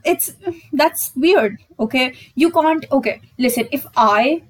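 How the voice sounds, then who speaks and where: A young woman hosting a solo podcast. Her voice sits a bit high and has a breathy, husky edge. She talks candidly and with emphasis, and she swears freely. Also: poor audio. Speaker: podcast host. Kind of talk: casual solo podcast chat.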